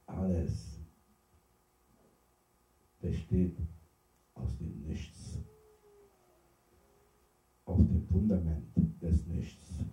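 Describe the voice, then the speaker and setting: A man, a Sufi sheikh who is not a native speaker, tells stories in an unhurried, pausing sermon and laughs at his own jokes. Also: sits low, fairly even intonation, mellow. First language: not German. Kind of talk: sermon with storytelling. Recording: roomy hall, distant mic.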